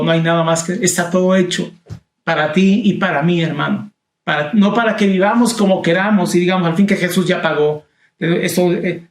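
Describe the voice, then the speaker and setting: A man's voice: sits high, reverberant. A man preaching a Bible study sermon, repeating key phrases with emphasis and calling the listener brother. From Latin America.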